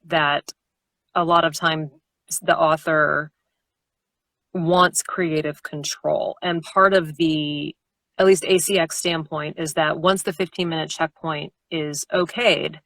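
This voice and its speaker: A woman audiobook narrator chatting casually about her work on a live stream, animated and quick to laugh. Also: low voice, dry recording. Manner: animated, laughs often, jumps into character voices.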